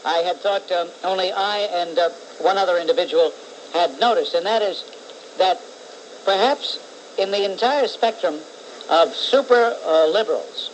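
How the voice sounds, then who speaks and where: A man hosting a call-in radio show, blunt and combative, pausing often with "uh". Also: sits high, slight background noise, low-quality recording. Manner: blunt, combative, scolds callers; many "uh" pauses.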